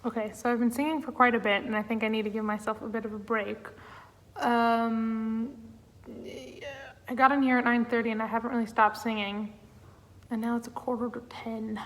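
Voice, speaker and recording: A young music student chats giddily in a casual vlog from a large, empty practice hall, laughing often. Her voice is fairly high and bright, level in tone, at normal speed. The hall echoes with faint room noise.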